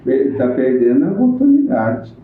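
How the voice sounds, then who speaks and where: A man, recalling local history in a plainspoken, unhurried casual interview. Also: mid-range voice, wildly swooping pitch, slight background noise. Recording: echoey room on a tinny phone-like line.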